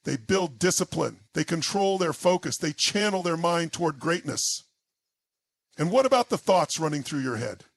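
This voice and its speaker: A man delivers a dramatic motivational speech in short, punchy, emphatic bursts. His voice sits high and carries a gravelly rasp. The recording is dry and close, with no room sound. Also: animated, moderate pace, dry recording. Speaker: motivational speaker.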